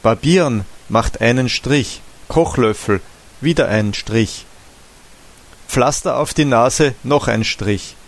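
A man voicing a drunk, ranting village barber who shouts and wails in falsetto in a storybook reading. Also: slow.

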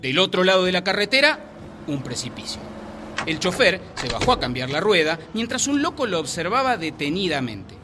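A man telling jokes on a radio show, switching between lively narration and put-on voices. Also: high voice, background noise. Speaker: joke teller. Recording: radio show over music.

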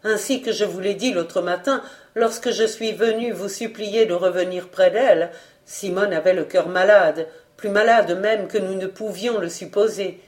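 A woman voicing a grieving foreign woman who speaks low, grave and measured. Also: a little mellow, lightly acted. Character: grieving middle-aged foreign woman, stern then softening.

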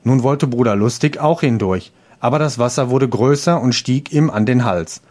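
A man narrating a classic fairy tale as an audiobook. His telling is steady and even. The voice sits in a middle pitch for a man. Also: moderate pace. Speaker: reader.

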